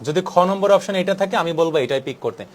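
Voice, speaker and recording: A young man from Bangladesh teaching an exam-prep lesson, brisk and persuasive, dropping English words into his Bangla. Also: a little high, expressive. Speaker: exam tutor.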